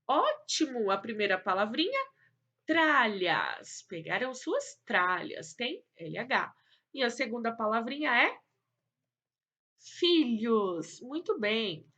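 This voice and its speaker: A woman's voice: fairly high pitch, pushed and bright. A Brazilian woman teaching young children in a recorded lesson, patient and coaxing, praising often. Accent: Brazilian Portuguese. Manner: slow, patient, coaxing, praises and uses diminutives. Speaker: primary school teacher.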